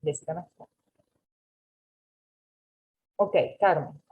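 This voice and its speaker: A woman's voice: low voice, a little fast, narrow, tinny audio. A woman teaching an English class over a video call, patiently correcting students and mixing with English. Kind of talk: online class instruction.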